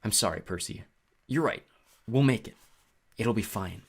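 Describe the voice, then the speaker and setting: A man's voice: fairly low pitch, animated, moderate pace, vocal fry, breathy edge, exaggerated voice. A man voicing an earnest, brave young girl with a pointed manner in an audiobook. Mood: reassuring.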